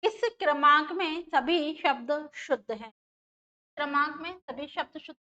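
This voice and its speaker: A woman's voice: high-pitched, measured pace, bright, forceful tone, lo-fi sound. A woman teacher giving an exam-prep grammar lesson, explaining step by step, repeating terms and putting questions to her students.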